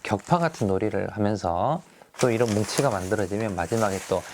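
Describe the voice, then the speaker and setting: A man's voice: lowish voice, fairly quick, background noise. A middle-aged male teacher who talks through classroom activities in a friendly, explaining way, often starting with fillers.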